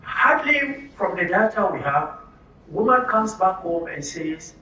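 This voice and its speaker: A trainer with a Nigerian accent runs an interactive orientation lecture for media workers, putting questions to listeners and repeating phrases as he teaches. His high, sharp voice swings widely in pitch at a measured pace, recorded with a distant mic, room echo, and faint noise at the live workshop.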